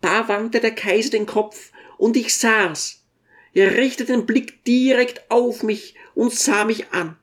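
A reader voicing a tiny, humble old dwarf who tells his story with gentle deference in an audiobook. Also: mid-range voice, fairly even intonation, takes it slowly. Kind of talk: audiobook character reading.

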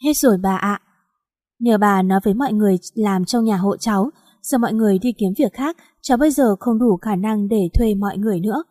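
A heartbroken young woman in despair, as a woman reads her in a storybook, tearful and pleading. The tone is mellow and dark. A long hall reverb hangs behind the voice. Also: medium pitch, a little fast, clean studio sound, natural voice. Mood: weary.

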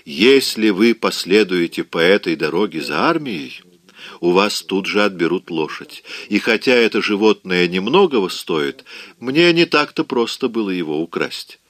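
A self-assured, blunt man, as a male reader plays him in an audiobook, firm and commanding in a lowish voice. The sound is dry and close. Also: expressive, normal speed, a bit bright, dry recording. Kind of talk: audiobook reading.

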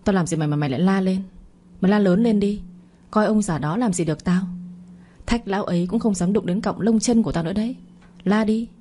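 A woman's voice: mid-range voice, warm tone, slight background noise, close to an everyday voice. A woman voicing a sneering, spiteful young woman. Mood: taunting. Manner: mocking, taunting, rapid-fire.

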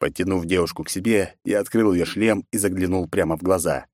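A man's voice: low voice, brisk, a little mellow, no echo, studio quality. A man narrating a first-person fantasy audiobook in a wry, sardonic way.

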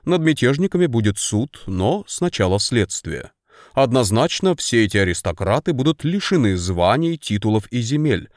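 Мужчина читает аудиокнигу и озвучивает начальника имперской безопасности, докладывающего официально и размеренно. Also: male voice, mid-range voice, sing-song, no room sound, studio quality, close to an everyday voice. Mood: advising. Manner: formal report, measured. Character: male imperial security chief, dutiful and formal.

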